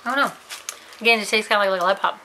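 Bright-voiced chatty woman vlogger. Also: medium pitch, rapid-fire, slight background noise, rough recording. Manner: chatty, giggly, self-deprecating. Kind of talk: casual vlog, tasting candy on camera.

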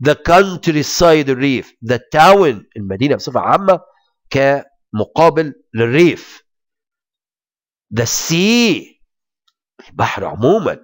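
A man with an Egyptian Arabic accent teaching an English grammar lesson, explaining in quick Arabic and reading English examples out slowly and carefully. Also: mid-range voice, very animated, no room sound, clean studio sound.

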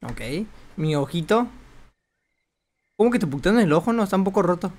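A young man streaming a video game, commenting excitably, swearing often and yelping when startled. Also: sits high, moderate pace. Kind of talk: let's play commentary.

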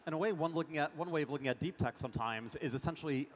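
Very fast and high-pitched, a middle-aged French venture investor speaks energetically and with many fillers. He's in a fireside chat on a large conference stage using a headset mic, with slight background noise, faint ambience, and long hall reverb.

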